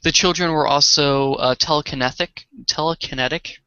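A man with a Boston accent co-hosting a podcast, explaining things in a slow, halting way with many fillers. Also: fairly high pitch, fairly even intonation, sharp tone, clear, resonant tone, dry recording, dull audio. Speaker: podcast co-host. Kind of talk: casual chat.

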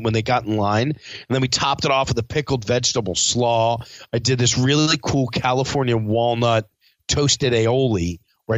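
A chef who hosts a podcast gives a casual spoken recap, rambling with lots of fillers and restarts and sounding a bit stuffed up from a cold. His mid-range voice is a bit bright, with no room sound and dull audio.

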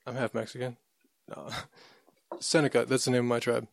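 A man in casual podcast conversation, easygoing and thoughtful, often pausing on fillers as he explains. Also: mid-range voice, flat delivery, creaky, no echo. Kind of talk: casual chat.

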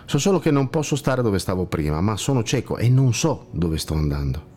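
A man's voice: lowish voice, big pitch swings, moderate pace, darkish tone. A man voicing a weary, anxious blind man who asks plaintive questions while searching for a better place, in a storybook tale.

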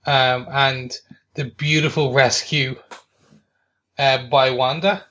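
Bright-voiced man, hesitant podcast chat. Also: medium pitch, steady tone, slow pace, highs cut off. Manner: hesitant, lots of ums and restarts. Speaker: podcast co-host. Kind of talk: casual film review chat.

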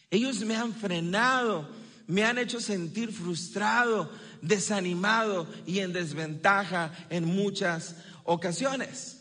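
Male pastor, high bright voice, slow and lively sermon, long hall reverb. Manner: lively preaching with asides and playful voices.

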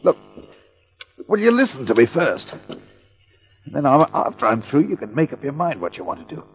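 A man's voice: fairly high pitch, very animated, moderate pace, in a large hall, faint music behind. An actor playing a wounded man on the run who pleads for help, stammering and weak from his injuries. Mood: pleading. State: weak and hurt. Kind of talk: 1940s radio acting.

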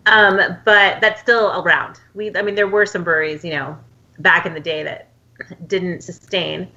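A woman's voice: lowish voice, fairly even intonation, normal speed, pushed and bright, dull audio. A woman from Texas, a podcast guest chatting casually with many fillers and laughs. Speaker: podcast guest, podcast host of her own show. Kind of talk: casual chat.

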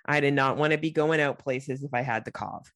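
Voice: medium pitch, fairly quick, fairly bright tone, no echo, studio quality. A podcast co-host chatting casually and jokingly, with a nasal voice stuffed up by a cold. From Canada. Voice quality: nasal, congested voice. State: has a cold.

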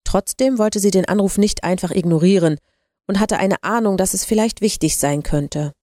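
Mellow woman narrating. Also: mid-range voice, moderate pace, no room sound, studio quality. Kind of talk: audiobook narration.

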